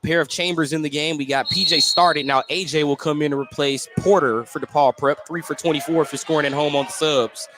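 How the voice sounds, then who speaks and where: Music plays behind a man whose slightly high voice holds a fairly even intonation, running a little fast with few pauses. He's calling basketball play-by-play live on radio from courtside in a school gym, breaking down each move in clipped, detailed phrases over a noisy broadcast.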